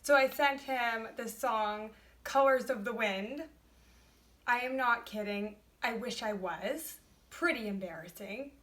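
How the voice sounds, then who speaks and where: Young female vlogger, animated storyteller, sharp bright voice, pitched a little high. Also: slow. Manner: chatty, animated, sarcastic storytelling. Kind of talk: storytime vlog.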